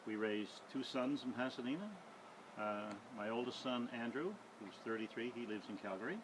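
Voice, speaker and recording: A retired man, giving a steady, measured interview answer. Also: mid-range voice. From Newfoundland. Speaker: council candidate. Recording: noisy background.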